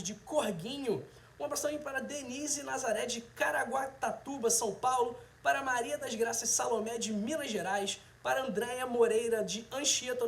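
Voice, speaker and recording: A very high but gravelly voice belongs to a man around thirty with a Brazilian accent. He's a host and health video presenter chatting informally and directly with viewers on a livestream. The recording has a roomy, echoing sound.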